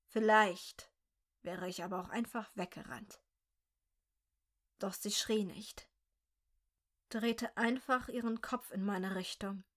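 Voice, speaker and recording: A woman reading a dark first-person story aloud in a slow, measured, quietly tense way. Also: medium pitch.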